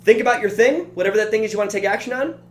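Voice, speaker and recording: A man's voice: high-pitched, rapid-fire. Earnest male motivational coach, roomy sound. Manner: earnest, coaching, addresses listener directly. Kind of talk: motivational training talk. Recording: roomy with faint hum.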